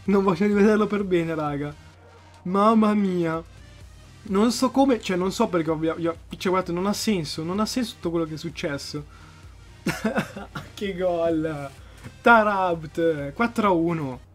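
A young man still in school, commentating his own football video game match at home at night. He talks excitably, repeats phrases and bursts into shouts whenever a goal goes in. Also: high voice, a little slow, soft background music. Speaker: gaming YouTuber.

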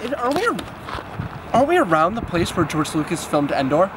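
Young man, casual friend chat, joking, rambling, outdoors, loud traffic noise. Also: high voice, very animated, moderate pace. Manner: joking, rambling, many "like" fillers. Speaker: friend on a sightseeing trip. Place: outdoors at a scenic overlook by a bridge.

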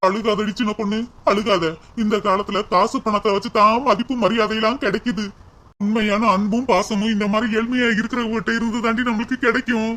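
A cartoon young husband, gentle and steady, who comforts his wife and vows to rise again, as a woman acts him out. The voice sits rather high for a man. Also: a little fast, natural voice. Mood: consoling. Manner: consoling, determined. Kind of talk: cartoon voice acting.

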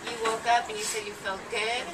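A woman's voice: on the high side, little pitch movement, brisk. A middle-aged woman chatting casually in a hospital room, explaining things in a reassuring manner. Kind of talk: casual chat. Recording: noisy, distant phone video.

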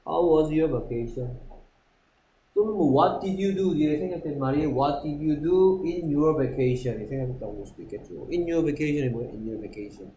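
Slight background noise accompanies a male English teacher whose voice is on the high side and mellow. During the lesson he goes through a textbook dialogue, reading the English deliberately and slowly while often asking students whether they're following.

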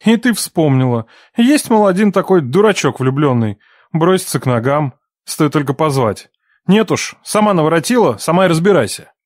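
Curt, resentful ex-lover man, read by a woman, low and dry on the mic. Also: very animated, normal speed, a little mellow, dry recording. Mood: bitter. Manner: curt and cold. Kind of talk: audiobook character voice.

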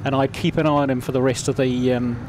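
A man's voice: mid-range voice, flat delivery, fast talker. A man with a New Zealand accent doing conversational speedway commentary. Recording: loud track and vehicle noise behind.

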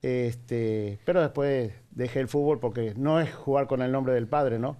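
An older man raised in Venezuela, a guest on a TV studio talk show, answering in a modest, measured way and repeating his phrases. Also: mid-range voice, warm tone. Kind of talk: casual interview answers. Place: TV studio set.

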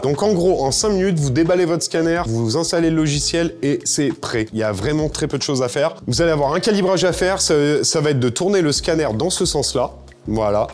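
A young man presenting a casual product review, animated and joking, with slangy asides. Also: on the high side, brisk. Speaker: tech reviewer.

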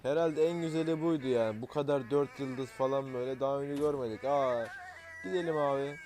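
A man's voice: medium pitch, brisk, background noise. A man hosting casual gameplay commentary, talking in an exasperated, grumbling and slangy way while he plays. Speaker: gaming channel host.

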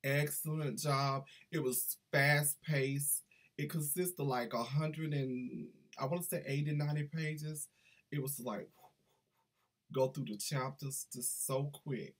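Middle-aged man, husky-voiced book vlogger, eager and rambling, webcam in a small room. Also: fairly high pitch, steady tone, slow pace. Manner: enthusiastic, chatty, digressive. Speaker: book reviewer. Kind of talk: casual book review vlog. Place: small indoor room with banners.

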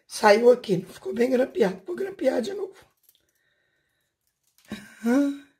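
Her voice sits high and warm, swinging widely in pitch at a slightly slow pace. Indoors at home, this woman hosts a craft channel, chattily walking viewers through a home craft step by step while working with her hands and asking them questions, casual hands-on tutorial style.

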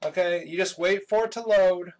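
A young man hosting his own gaming channel, chatting casually and swearing as he plays, with excited outbursts, recorded through a webcam microphone. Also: high-pitched, normal speed. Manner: loose and profane, with excited outbursts. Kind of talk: casual gameplay commentary.

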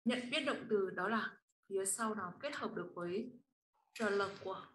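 A woman's voice: medium pitch, moderate pace, fairly bright tone. A woman teaching a language class, patiently explaining grammar and calling on students. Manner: explains patiently, asks students to read and answer. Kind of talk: online class instruction. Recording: roomy echo, faint noise.

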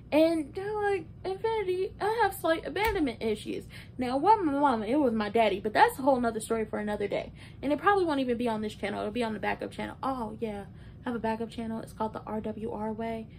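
A woman in her early twenties, with a gravelly, expressive voice and a quick pace, gives casual, opinionated and emphatic recap commentary in a conversational vlogger manner. She records indoors in a small bedroom, where the room is noisy with a low rumble.

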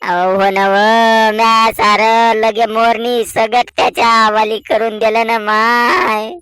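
Crying village wife, slow, bright, dry cartoon voice. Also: female voice, level tone, clear, resonant tone, no room sound. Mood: lamenting. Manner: loud crying lament, shrill. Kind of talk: cartoon voice acting.

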